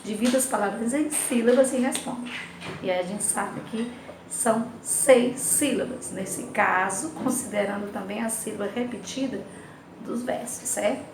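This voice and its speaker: A woman's voice: on the high side, moderate pace, echoey room, background noise. A woman teacher with a Brazilian Portuguese accent, going through a lesson for her class and singing bits of nursery rhymes between the explanations. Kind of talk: recorded remote class lesson.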